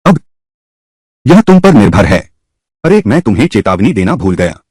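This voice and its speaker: Husky man in a lively drama dub. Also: lowish voice, normal speed, dry recording. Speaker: dub voice actor. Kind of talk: Hindi dub of a short drama.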